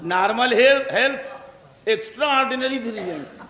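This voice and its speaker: Lucknow urdu man giving a sermon, high sharp voice, old tape in a big echoey hall. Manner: explains with repeated examples and questions to the audience. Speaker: preacher delivering a majlis. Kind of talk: religious sermon. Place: large hall before a gathering.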